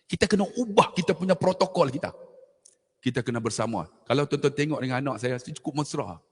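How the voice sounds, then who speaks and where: A middle-aged man from Malaysia telling animated, jokey stories to an audience at a religious forum. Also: mid-range voice, fast talker, slightly rough. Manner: lively, jokey, addresses audience as tuan-tuan. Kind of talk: animated storytelling talk to an audience. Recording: hall reverb.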